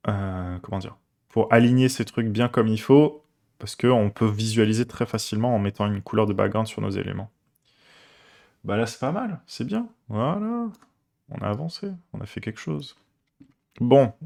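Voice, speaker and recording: A man's voice: lowish voice, vocal fry, darkish tone. A man, streaming a coding session and chatting casually, thinking aloud with many fillers and restarts. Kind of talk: casual live coding chat.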